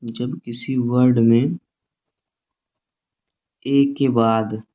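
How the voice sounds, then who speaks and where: A man teaching English phonics in a slow, repetitive classroom style, spelling words out letter by letter. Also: medium pitch, little pitch movement. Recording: tinny phone-like audio.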